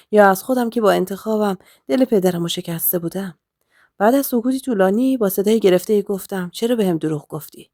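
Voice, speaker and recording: A woman's voice: lowish voice, darkish tone, dry recording. Woman narrating a story, dry close sound.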